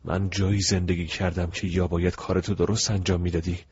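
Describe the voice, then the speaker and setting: A man voicing a troubled, guilt-ridden young man in an audiobook, speaking low and strained. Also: little pitch movement, a little mellow, breathy edge, no room sound. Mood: weary. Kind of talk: audiobook character voice. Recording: dull lo-fi recording.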